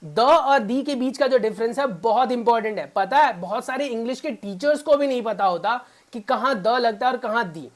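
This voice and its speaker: This man's voice sits extremely high, moving at a normal pace with almost no pauses. He teaches beginners a spoken English grammar lesson, quizzing viewers again and again with repeated questions. His manner is fatherly, and he calls them "son."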